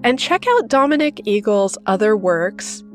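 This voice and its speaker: A woman hosting a horror story channel, narrating in a steady, measured storytelling voice. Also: medium pitch, faint music behind.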